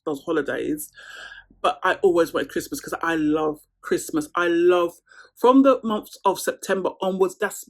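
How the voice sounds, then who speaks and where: A woman in her thirties from London with a London accent, chatting casually to camera in a Q&A vlog and laughing often. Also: fairly low pitch. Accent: London English. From London, England. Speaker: vlogger.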